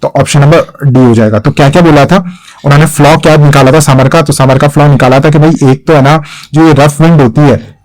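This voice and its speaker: A young male teacher speaks in a slightly raised, fairly high voice that stays steady, a little fast and a little mellow, on a rough recording. Working through exam-prep material, he often asks a question and answers it himself. He is patient and repetitive, restating key points as questions with answers.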